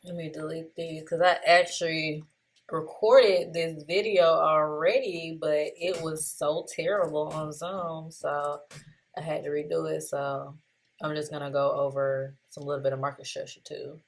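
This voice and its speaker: A young woman walks through her trades in a relaxed screen-share recap. She talks loosely and chattily into a desktop mic and laughs at her own slips. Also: sits low, a little slow.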